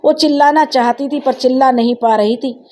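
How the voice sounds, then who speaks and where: Female storyteller, slow emotive scripted narration, fairly high, mellow and dark tone. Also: steady tone.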